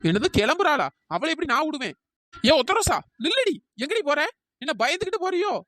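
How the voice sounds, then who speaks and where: A woman voicing a hot-tempered, argumentative village woman who shouts insults in a cartoon. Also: sits high, racing, no room sound. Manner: loud, abusive, argumentative. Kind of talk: cartoon voice acting.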